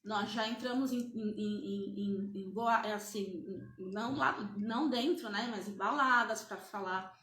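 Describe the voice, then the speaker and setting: A woman's voice: mid-range voice, unhurried, few pauses, a bit bright, reverberant. A woman evangelist giving a church testimony, hesitant and full of fillers and restarts.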